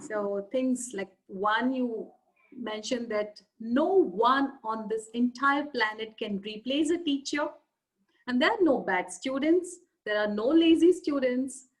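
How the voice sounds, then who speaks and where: A woman hosts a friendly interview over a video call, asking questions, affirming often with short responses and summing up her guest's points. Her voice is fairly high and unhurried, and the recording is rough.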